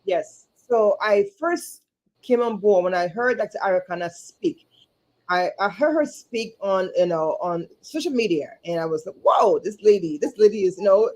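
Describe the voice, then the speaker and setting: A woman from Liberia, speaking earnestly as a guest over a video call, often repeating words and pausing on fillers. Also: medium pitch, animated, a little mellow. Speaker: guest, community advocate and chapter chair. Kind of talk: livestream interview.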